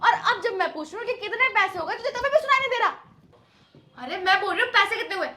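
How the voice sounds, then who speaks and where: A woman's voice: steady tone, a little slow. A woman acting a short-tempered housewife in a short drama who scolds sharply and later turns tearful with remorse. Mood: irritated. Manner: scolding, shrill, then tearful.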